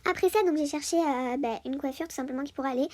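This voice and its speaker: A woman's voice: high voice, fast talker, mellow. A woman giving a casual voice-over for her video, chatty and full of hesitations and fillers. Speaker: video host.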